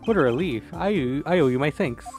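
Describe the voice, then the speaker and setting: An earnest gentleman detective from a visual novel, acted by a man reading aloud. He is formal and easily indignant, with faint music behind him. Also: fairly high pitch, lively intonation, fairly quick. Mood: stern.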